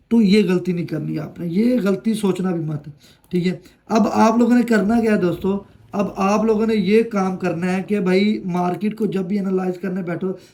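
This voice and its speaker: A man's voice: high voice, mellow. A man teaching trading in a casual screen-share lesson, chatty and affectionate, often pleading with viewers to like and comment. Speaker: trading tutor.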